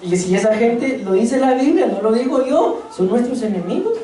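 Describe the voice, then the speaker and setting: A woman's voice: on the high side, lively intonation, normal speed, warm tone, a little hiss or hum. A woman preaching a church sermon, quizzing the congregation and joking between points. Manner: asks the congregation questions, jokes between points. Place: church hall. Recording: very echoey church hall, mic far off.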